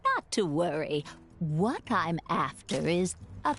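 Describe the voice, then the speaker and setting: Casting: fussy, polite older game lady, lowish pitch, animated lilt, gently coaxing. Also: slow, slight background noise, exaggerated voice. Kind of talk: scripted video game voice acting.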